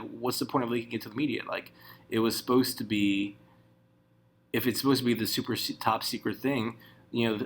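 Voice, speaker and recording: A man's voice: mid-range voice, a little hiss or hum. A man giving casual, rambling political commentary, swearing often and restarting his sentences. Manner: profane, rambling, many restarts.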